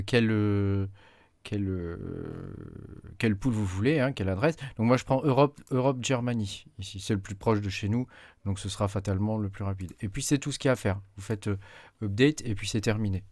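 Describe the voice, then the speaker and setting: A lower-pitched man talks through a computer tutorial in a relaxed, halting way, filling pauses as he clicks. His voice is close and dry at a desk mic, with keyboard typing now and then behind him. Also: no echo. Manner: hesitant, many fillers, talks while clicking. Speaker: tech YouTuber. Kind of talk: casual screen-recorded tutorial.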